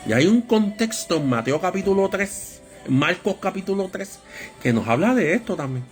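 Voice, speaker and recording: A man preaching a Bible study sermon, with a lively storytelling manner that acts out voices in anecdotes. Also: high voice, moderate pace, soft background music.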